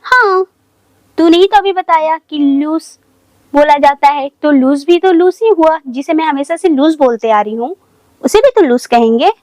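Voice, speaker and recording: A woman's voice: high voice, lively intonation, moderate pace, darkish tone, no room sound. A woman voicing a confused young woman friend who keeps asking puzzled, protesting questions in a comic skit.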